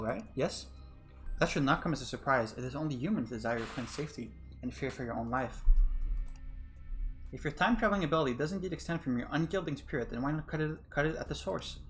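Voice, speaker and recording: A man's voice: medium pitch, fast talker, a bit bright, faint music behind, lightly acted. A man voicing a polite undead male mastermind who speaks in formal, old-fashioned phrases. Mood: courteous. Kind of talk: voicing a game character.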